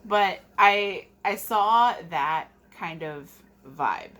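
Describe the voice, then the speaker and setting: A woman co-hosting a casual book discussion, halting as she repeats and rewords her phrases. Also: mid-range voice, expressive, fairly bright tone. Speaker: book review co-host. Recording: clear background noise.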